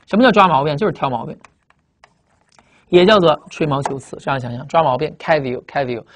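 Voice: mid-range voice, a little hiss or hum. A teacher giving a classroom vocabulary lecture at a board, emphatic, asking rhetorical questions and spelling words out letter by letter. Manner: spells out letters and drags out target words slowly.

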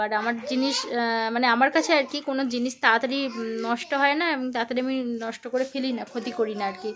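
Young mom vlogging at home, chatty and rambly, kinda high voice, bit of faint hiss behind. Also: female voice. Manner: chatty, rambling with fillers, coaxing when quizzing the child. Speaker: vlogger and mother. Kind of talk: casual home vlog chat.

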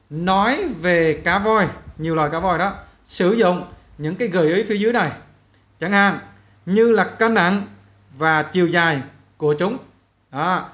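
A man teaching an English listening lesson to students. He explains step by step and models each English word slowly, repeating it several times. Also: sits high, fairly bright tone.

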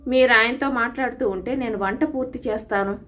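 Storybook figure: a timid young bride with a small, soft voice, read by a woman. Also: a little high, a little fast, soft background music, natural voice. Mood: gentle, pleading. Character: meek, gentle young bride from a poor home.

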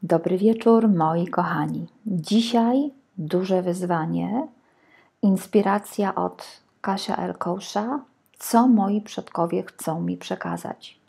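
A woman's voice: lowish voice, slow pace, gravelly, warm tone, breathy edge. A woman reading tarot for her viewers in a chatty, casual way, sometimes dropping to a whisper while she lays out the cards. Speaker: tarot reader.

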